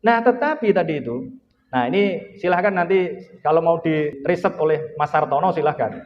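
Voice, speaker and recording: A man's voice: fairly high pitch, normal speed, slight background noise. Man lecturing in an echoey hall. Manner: questions the audience directly; chants Arabic prayer phrases. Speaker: lecturer at a forum. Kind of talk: religious lecture to a live audience. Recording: echoey hall, dull lo-fi sound.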